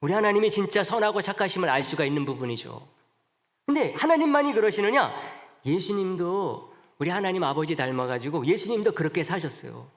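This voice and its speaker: A man preaching a sermon as pastor. He asks the congregation rhetorical questions, swings up to loud emphatic peaks and drops low and soft again. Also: lively intonation, fast, vocal fry, hardly any pauses. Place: church sanctuary. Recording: long reverb of a church sanctuary.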